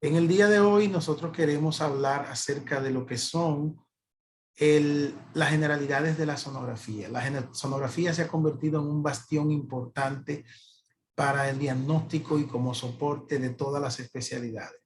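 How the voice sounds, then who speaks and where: Slightly high-voiced man giving a lecture. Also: moderate pace, a little hiss or hum. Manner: explanatory, repeats and restarts while thinking. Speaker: radiologist lecturer. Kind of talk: educational lecture.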